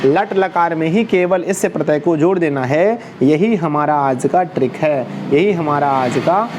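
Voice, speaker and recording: Against a noisy background, a male Sanskrit teacher with a slightly high, unhurried voice gives an online class lecture. He recites verb forms in rhythmic lists, quizzes his viewers, and corrects his own slips as he goes.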